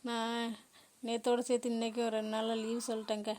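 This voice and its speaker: A woman voicing a caring young daughter-in-law in a home-made cartoon, gentle and polite. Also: a little high, completely flat delivery, a little fast, noisy background, natural voice. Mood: reassuring.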